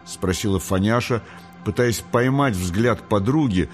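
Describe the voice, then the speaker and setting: A man reading an audiobook in a measured storytelling manner. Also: lowish voice, soft background music. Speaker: audiobook narrator. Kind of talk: scripted narration.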